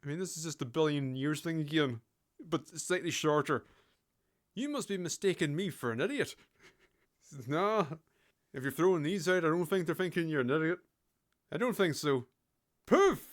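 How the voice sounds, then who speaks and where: A man's voice: a little high, normal speed, pauses often. A man with a British accent giving casual, sarcastic game commentary, swearing and laughing as he goes. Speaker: game reviewer.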